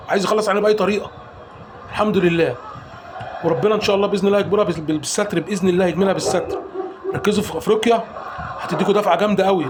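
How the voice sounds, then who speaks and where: A man with an Egyptian accent giving an emotional, rapid-fire football fan reaction after a match, calling out the players one by one. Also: high-pitched, background noise. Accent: Egyptian Arabic.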